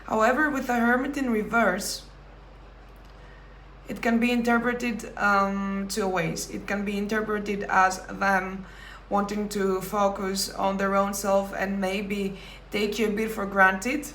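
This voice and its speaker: A woman giving a pick-a-card tarot reading, talking thoughtfully with pauses and self-corrections. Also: mid-range voice, little pitch movement, a bit bright, reverberant, slight background noise. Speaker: tarot reader.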